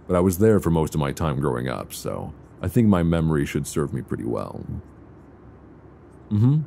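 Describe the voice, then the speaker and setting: Cast as a tender, teasing boyfriend on a luxury flight in ASMR audio roleplay, a male actor uses an extremely low, gravelly, exaggerated voice with supple intonation and big pitch swings. Cheerful and attentive, he talks unhurriedly with hesitant pauses, captured close-up in binaural sound over faint background noise.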